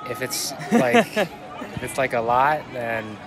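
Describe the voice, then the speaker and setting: A man's voice: medium pitch, sing-song, slow. A young man being interviewed on a campus lawn, giving hesitant, brief answers. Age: young adult. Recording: outdoor crowd and noise.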